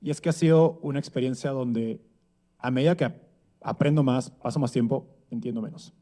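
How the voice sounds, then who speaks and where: A Peruvian man gives a conversational conference talk on an event stage before an audience, full of fillers and rhetorical tags. His voice is medium-pitched and warm, and he talks a little fast.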